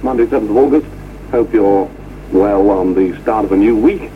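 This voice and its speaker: A man's voice: lowish voice, normal speed. Breezy male DJ on tinny AM radio. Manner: breezy, jokey presenter. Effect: AM medium-wave radio broadcast. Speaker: radio disc jockey. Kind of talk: chatty DJ patter and read ads. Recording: tinny AM radio with music behind.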